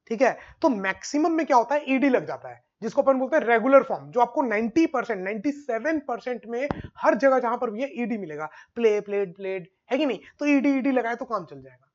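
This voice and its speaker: A male teacher giving an online exam-prep lesson, drilling word forms in a steady rhythm and often checking that students follow. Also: very high-pitched, a little fast, few pauses, lo-fi sound.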